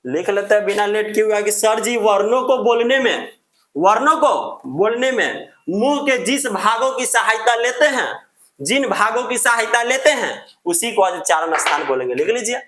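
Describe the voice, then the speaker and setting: A man teaches a grammar lesson, drilling each term over and over. His voice sits high and sounds bright and sharp. The room around him is roomy and echoey. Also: lively intonation, normal speed. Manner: answers his own questions in a student's voice; repeats and drills the terms.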